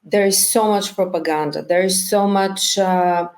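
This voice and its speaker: Her voice is mid-range with fairly even intonation and a darkish tone. A middle-aged Bulgarian-native documentary director, she answers interview questions slowly and with thought, frequently stopping to search for the right word.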